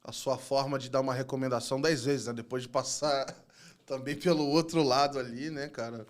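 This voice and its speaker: A man hosting a podcast interview, relaxed and slangy, often calling his guest "cara". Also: mid-range voice, fairly quick. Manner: laid-back, slangy, says "cara" often. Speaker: podcast host. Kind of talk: casual interview chat.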